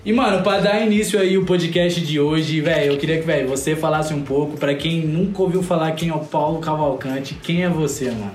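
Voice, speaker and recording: A man's voice: fairly high pitch, a little fast, hardly any pauses, soft background music. A man hosting a podcast, greeting listeners and chatting in a laid-back, slangy way. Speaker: podcast host. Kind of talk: casual chat. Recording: roomy, faint background noise.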